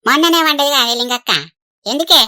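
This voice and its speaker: A gossipy old village woman chatters quickly in a high, bright cartoon voice, as a woman puts her on. She rattles off her lines. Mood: chatty. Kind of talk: cartoon voice acting.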